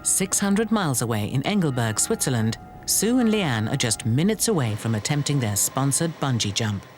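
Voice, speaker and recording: A man's voice: medium pitch, animated, moderate pace, faint music behind. A man reading scripted narration for a TV documentary.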